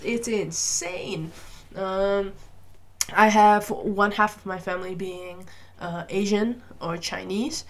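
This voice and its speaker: A woman's voice: mid-range voice, a little hiss or hum. A woman vlogger from Malaysia, talking casually in a rambling way, full of fillers and restarts. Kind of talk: casual monologue.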